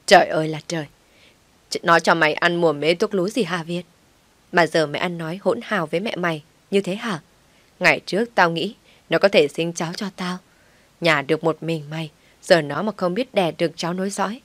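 A woman reading a story aloud, voicing a domineering older mother-in-law who shouts and scolds. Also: on the low side, brisk, no echo. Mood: furious.

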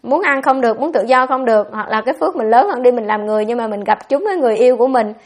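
A Buddhist nun giving a dharma talk, answering questions in a blunt, scolding way. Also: female voice, fairly high pitch. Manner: blunt, scolding, fast-talking.

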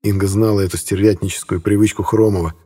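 A male audiobook narrator with a low, husky voice. He reads in a measured, even way. His tone is dark and mellow. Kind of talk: scripted narration.

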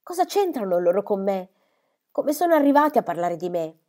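A woman's voice: medium pitch, sing-song, a little mellow, pitched above the performer's own voice. A woman reading a novel aloud, voicing a proud, defiant young woman who answers her mother back. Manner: defiant, quick to justify herself.

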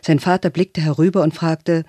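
A man reads a literary novel aloud in an even, matter-of-fact voice. His pitch sits a little high for a man. The recording is close and dry, with no room sound. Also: normal speed, no echo. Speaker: audiobook narrator. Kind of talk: literary audiobook narration.

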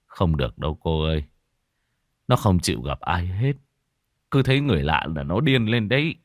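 A man's voice: sits low, very animated, normal speed, no echo, studio quality. A man voicing an anxious, weary old village scholar who talks in a gloomy, sighing way, in a told ghost story.

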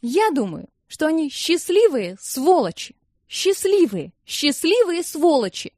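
A fed-up teenage girl yells at her family, loud and exasperated, her voice raised and bouncing up and down, as a woman narrator plays her. It is a dry storybook reading. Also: high voice, sing-song, unhurried, no room sound, pitched above the performer's own voice. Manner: shouting, exasperated.

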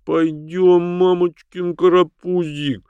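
A man reading an audiobook, voicing a fussy, gushing middle-aged society lady with a shrill, theatrical manner. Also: flat delivery, slow, darkish tone, clean tone, no room sound, muffled recording. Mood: cooing. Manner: shrill, theatrical, baby-talks her dog.

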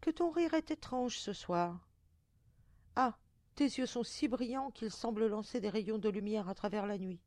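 A young suitor in a storybook, soft and coaxing, with something false under the sweetness, as a woman reader plays him. The voice is close and dry. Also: fairly high pitch, unhurried, dry recording, natural voice. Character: young man suitor, a disguised monster, smooth and coaxing.

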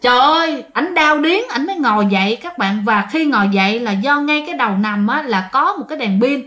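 A woman with a Southern Vietnamese accent telling a ghost story to her listeners, animated and full of quoted dialogue. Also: high-pitched, a little fast.

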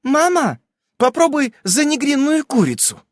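A man voicing a blunt, lively teenage daughter. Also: very high-pitched, measured pace, dry recording, clean studio sound, pitched above the performer's own voice, exaggerated voice. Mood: eager. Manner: cheeky, outspoken.

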